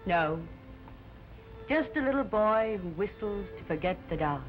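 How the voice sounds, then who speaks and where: A woman's voice: medium pitch, animated, a little slow. An earnest young woman in an early talkie. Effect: early talkie film sound. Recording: dull 1930 film soundtrack, faint music.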